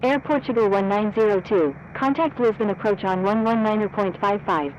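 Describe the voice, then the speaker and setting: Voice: medium pitch, moderate pace, a little mellow, dull audio. A speaker giving clipped, formulaic air traffic radio calls in scripted phraseology, like a pilot over the radio.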